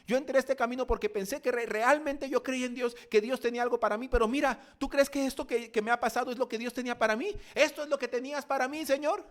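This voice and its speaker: A man with a Mexican accent voicing a bitter former minister who complains indignantly and quickly. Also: very high-pitched, steady tone, pitched above the performer's own voice. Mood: bitter reproach. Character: bitter fallen minister, middle-aged man.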